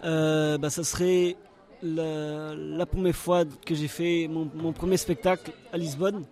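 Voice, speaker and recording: Halting man, slightly high voice. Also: flat delivery, darkish tone. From Portugal. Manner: halting, searching for words. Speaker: circus performer. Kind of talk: interview answers.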